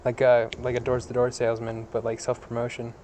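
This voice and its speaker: A man's voice: mid-range voice, monotone, brisk, a little mellow, slight background noise. A man hosting a casual podcast, reading out facts with many fillers and restarts. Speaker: podcast host.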